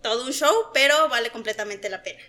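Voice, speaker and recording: Mexican woman in her thirties, podcast guest, bright and a bit high, chatty with lots of fillers. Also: fast. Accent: Mexican Spanish. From Mexico (Oaxaca). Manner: chatty, laughs often, many fillers. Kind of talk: casual podcast chat.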